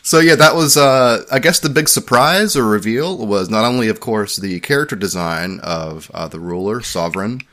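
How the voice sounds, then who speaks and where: Male podcast host, low voice, chatty and self-deprecating, casual chat. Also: expressive, moderate pace, few pauses, bright, forceful tone.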